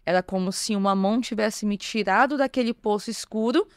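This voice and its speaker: A woman who is a church bishop appears as an interview guest, giving an earnest, emotional personal testimony. Her medium-pitched voice is brisk, and the recording is dry and close.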